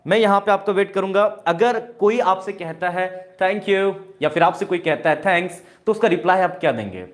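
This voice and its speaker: A man's voice: high-pitched, normal speed. A man teaching English in Hindi during a live online class, who keeps calling viewers "dear" and repeats each point. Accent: Indian. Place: classroom with a board.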